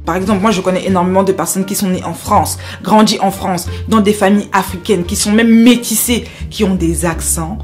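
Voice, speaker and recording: A woman hosting a commentary vlog, talking in an animated, emphatic way and rising in pitch on her key points. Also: a little fast, few pauses, faint music behind. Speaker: YouTuber host.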